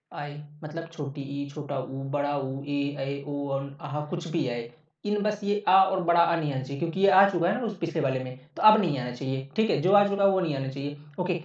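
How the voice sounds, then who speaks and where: A man's voice: fairly high pitch, darkish tone. A male teacher giving an online exam-prep lecture, repeating each point and answering his own questions. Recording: roomy, distant, dull lo-fi sound.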